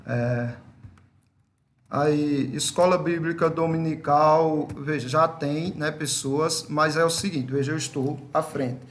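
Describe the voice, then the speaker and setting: A man with a Brazilian Portuguese accent, leading a church members' meeting in an unhurried way, often checking in with tag questions. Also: on the high side, roomy sound, a little hiss or hum. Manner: unhurried, steady tag questions like "certo?" and "veja". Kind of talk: casual meeting talk and short exhortation.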